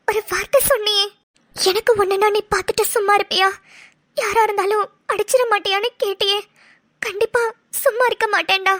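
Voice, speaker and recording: A woman's voice: extremely high pitch, fairly bright tone. A woman voicing an emotional, loyal young woman in a cartoon, who talks in a pleading way. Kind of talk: Tamil cartoon voice acting.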